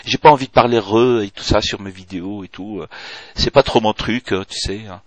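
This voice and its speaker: A man's voice: lowish voice, normal speed, no echo. A man with a strong Algerian accent, talking bluntly and defiantly to camera as a video blogger and mixing French with Algerian Arabic. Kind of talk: casual video blog reply.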